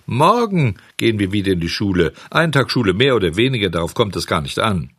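A gang of cheeky schoolboy rascals from a storybook, loud and mocking, voiced by a man. Their voices jump high and swing widely, with a husky edge, in a dry recording. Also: sing-song, brisk, no room sound, exaggerated voice. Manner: shouting, mocking. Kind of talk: audiobook reading.

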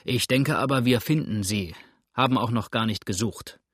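A man doing a calm, tall Virginian settler. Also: mid-range voice, normal speed, breathy edge, no echo, studio quality. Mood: matter-of-fact.

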